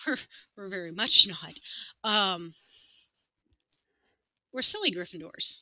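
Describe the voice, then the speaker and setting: A woman's voice: mid-range voice, animated, sharp tone, no echo, rough recording. A woman co-hosting a podcast, chatting casually and playfully, laughing often. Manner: giggly, playful, quick to laugh. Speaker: podcast co-host. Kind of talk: casual chat.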